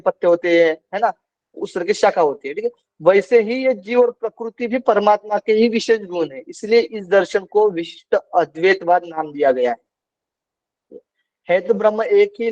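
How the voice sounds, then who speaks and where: A man's voice: sits high, a little mellow, no room sound, dull audio. A male teacher giving an online philosophy class, explaining patiently and repeating key points.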